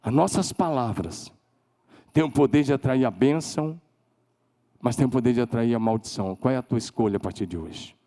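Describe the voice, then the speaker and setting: A man with a Brazilian Portuguese accent preaching a sermon as pastor, emphatic, leading call-and-response and climbing to shouted declarations. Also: mid-range voice, animated, a little fast. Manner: leads the congregation in call-and-response.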